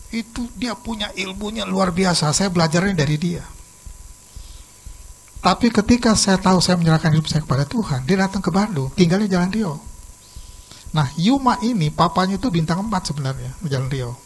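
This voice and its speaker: A pastor preaching a sermon and telling a personal testimony in a lively storytelling manner, swinging suddenly between soft and loud. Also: male voice, sits high, normal speed, a little hiss or hum, rough recording. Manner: lively storytelling, acts out quoted dialogue.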